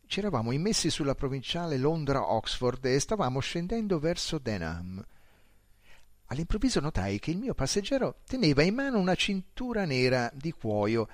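A man reading a story aloud in the first person, with calm, measured narration. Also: fairly high pitch, no echo, studio quality. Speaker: audiobook narrator.

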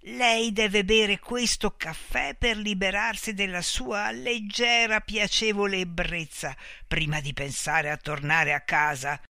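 A man voicing a boisterous old male army veteran who talks slowly and emphatically, with a confidential, wheedling manner. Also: high-pitched, a bit bright, no echo, studio quality.

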